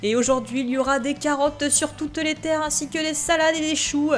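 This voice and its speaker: A woman putting on the voice of a folksy announcer hawking farm produce, in a sing-song, drawn-out promo delivery. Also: high voice, little pitch movement, voice pushed up, close to an everyday voice. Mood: cheery promo.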